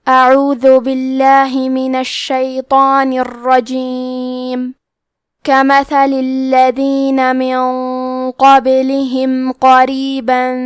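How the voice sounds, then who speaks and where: A woman teaching Quran recitation, explaining the rules of each letter step by step and reciting verses slowly. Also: high voice, dry recording, studio quality. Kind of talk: tajweed lesson with slow recitation.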